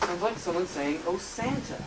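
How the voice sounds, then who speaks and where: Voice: medium pitch, expressive, moderate pace, lightly acted. Santa Claus, played by a woman, grumpy. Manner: grumbling, complaining. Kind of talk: amateur Christmas stage play. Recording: noisy echoey tape from far off.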